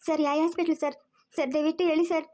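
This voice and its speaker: A woman's voice: high voice, little pitch movement, quick pace, warm tone, natural voice. A woman voicing a frightened young village wife who pleads anxiously, with a rural Karnataka Kannada accent. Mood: pleading. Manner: pleading, tearful.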